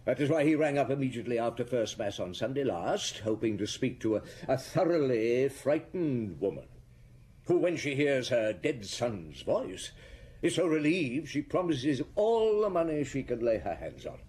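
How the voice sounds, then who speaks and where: A man acting a shrewd, commanding middle-aged French police inspector in a radio drama, reasoning and narrating deliberately with a husky voice. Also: mid-range voice, big pitch swings, a little mellow. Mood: probing, confident.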